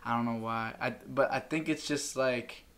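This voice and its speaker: A man's voice: mid-range voice, fairly bright tone. A young man hosting a podcast, rambling and joking in casual chat. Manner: rambling, joking, quick to laugh. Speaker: podcast host.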